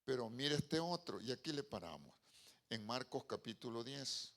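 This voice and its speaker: A male pastor preaching a sermon, moving from quiet storytelling to loud, drawn-out exclamations. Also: medium pitch, big pitch swings.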